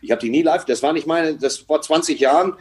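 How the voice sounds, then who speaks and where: A man's voice: on the high side, a little fast, background noise. A man talking as a guest in a casual chat, blunt and emphatic with casual swearing.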